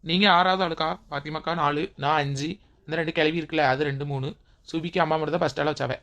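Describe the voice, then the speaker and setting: Low-voiced fast woman. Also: steady tone, fairly bright tone. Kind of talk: village comedy skit.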